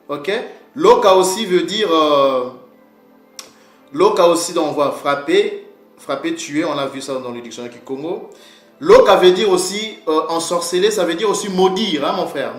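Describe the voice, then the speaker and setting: A man's voice: a little high, echoey room. A man giving an informal lesson, often asking a question and answering it himself, and calling the listener "my brother". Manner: repeats "mon frère", asks and answers his own questions. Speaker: teacher of word origins.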